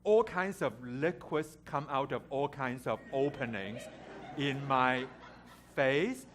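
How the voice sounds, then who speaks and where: A man's voice: medium pitch, takes it slowly, a bit bright, a little hiss or hum. Candid Hong Kong-raised man preaching. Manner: candid, self-deprecating, with light humor. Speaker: guest preacher. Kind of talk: personal storytelling sermon. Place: church sanctuary.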